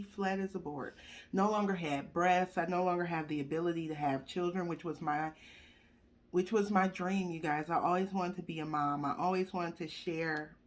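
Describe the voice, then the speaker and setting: A young adult woman with a lowish voice tells a personal story straight to her viewers, speaking candidly, emotionally, and conversationally.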